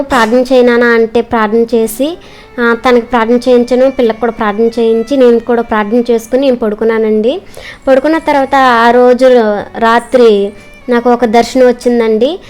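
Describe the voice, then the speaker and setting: A young mother tells her personal religious testimony in an earnest, polite, quick-paced way. Her voice sits a little high for a woman. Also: darkish tone.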